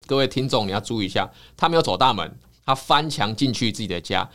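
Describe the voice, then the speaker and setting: A man, a counseling psychologist telling a folk tale in a lively, dramatic way on a podcast. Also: mid-range voice, fast. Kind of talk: animated storytelling in a podcast.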